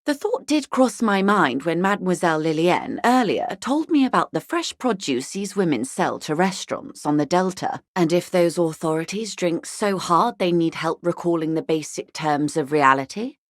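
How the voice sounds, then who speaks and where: For video game dialogue, a woman voices a wealthy, middle-aged female negotiator, polite and obliging. Her low voice is recorded very dry and close, close to an everyday voice yet expressive, and she speaks in measured, eloquent sentences with polished formality and worldly, dry irony.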